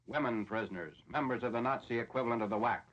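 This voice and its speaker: Here the 1940s newsreel narrator, an American man covering military subjects, reads his script quickly in a mid-range, slightly bright voice. His reporting is formal and matter-of-fact, heard through a dull, lo-fi vintage film soundtrack.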